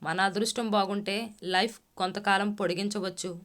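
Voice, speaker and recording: Storybook role: calm male doctor, measured delivery, voiced by a woman. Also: medium pitch, natural voice.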